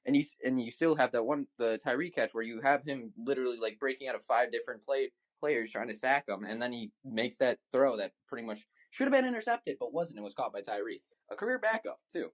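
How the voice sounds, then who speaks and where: Fast-talking man with stumbling restarts. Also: medium pitch, lively intonation. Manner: rushed, restarts phrases often. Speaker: debater. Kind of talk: debate argument.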